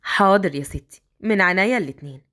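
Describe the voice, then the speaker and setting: A woman with an Egyptian accent voicing a smitten older rich man who coaxes in slow, drawn-out lines. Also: medium pitch, animated, a bit bright, pitched below the performer's own voice, lightly acted. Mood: coaxing. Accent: Egyptian Arabic.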